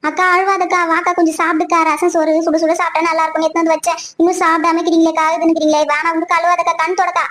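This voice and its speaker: A woman's voice: extremely high pitch, little pitch movement, racing, few pauses, a bit bright. A woman voicing a caring neighbor woman in a cartoon, coaxing and soothing a crying friend. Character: caring neighbor woman who consoles others. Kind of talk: cartoon voice acting.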